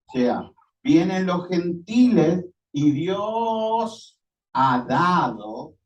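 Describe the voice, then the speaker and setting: A man's voice: fairly high pitch, darkish tone. A man preaching a sermon, emphatic, asking rhetorical questions and answering them himself. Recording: echoey, distant, dull lo-fi sound.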